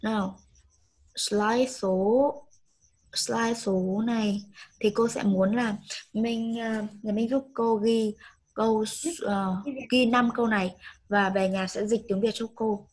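A woman's voice: fairly high pitch, fairly even intonation, slow, a little mellow, rough recording. A woman, teaching an online English lesson over a video call, patiently coaxing and repeating prompts.

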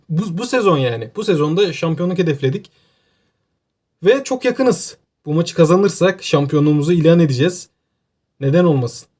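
A man with an Aegean Turkish accent giving casual, joking gameplay commentary, excitable and talking to himself. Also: on the high side. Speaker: gaming YouTuber.

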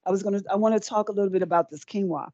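A middle-aged woman gives a live cooking demonstration at the stove on a small indoor set with folding screens, chatty and encouraging and often repeating words. Her mid-range voice is dark in tone with fairly even intonation, and she races along. The lo-fi recording is dry and dull with no room sound.

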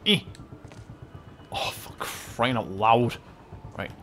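A young man giving let's-play commentary, excitable, with loud yelps and exclamations. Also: medium pitch, extremely slow, a little hiss or hum. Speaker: gaming channel host.

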